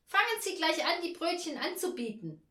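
A woman doing a shrill, flustered little hostess. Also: sing-song, bright, forceful tone, full character voice. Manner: nervous, fast and exclaiming. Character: plump little red-faced woman, flustered party hostess. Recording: roomy echo.

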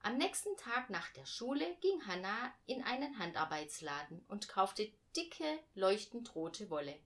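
Woman reading a kids' christmas-type story aloud, expressive, measured pace. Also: mid-range voice. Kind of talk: storybook narration for children.

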